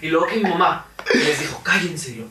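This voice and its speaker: Lively young Mexican man telling stories. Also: on the high side, fairly quick, a loud crowd. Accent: Mexican Spanish. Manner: animated storyteller, shouts and laughs while acting out scenes. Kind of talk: casual chat. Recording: echoey room, far from mic, noisy.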